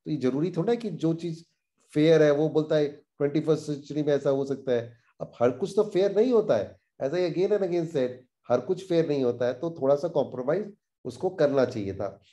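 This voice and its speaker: A man hosting a casual explainer on current affairs, talking in an animated, indignant way and dropping English phrases into his talk. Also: fairly high pitch, normal speed, dull audio.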